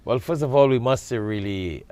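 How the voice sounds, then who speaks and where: A man's voice: mid-range voice, moderate pace, dark tone. A man hosting a studio talk show interview, giving formal, effusive introductions and asking questions.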